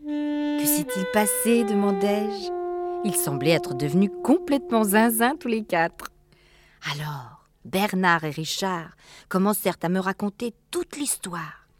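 A woman narrating an audiobook in a lively, animated storytelling voice. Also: mid-range voice, a little slow, faint music behind.

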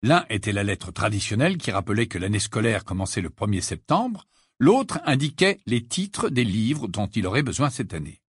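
A man narrating an audiobook with animated, dramatic storytelling, on a close studio mic. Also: on the low side, moderate pace, husky, no room sound. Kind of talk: expressive audiobook reading.

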